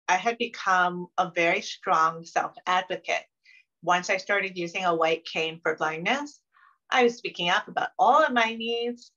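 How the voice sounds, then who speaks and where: A woman's voice: fairly low pitch, pushed and bright. A woman from Maryland answering interview questions about her career in an earnest, reflective way. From Maryland, United States. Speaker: interviewee, consultant. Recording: dull lo-fi recording.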